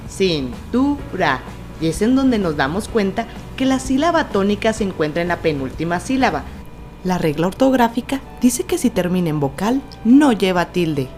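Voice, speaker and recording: Woman teacher, lively pitch, scripted kids' lesson, stretches example words.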